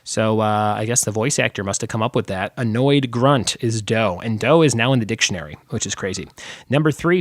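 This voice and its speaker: A man in his thirties hosting a casual trivia podcast from a home room, chatty and upbeat with quick laughs. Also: medium pitch, dry recording, clean studio sound. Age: 30s. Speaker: podcast host.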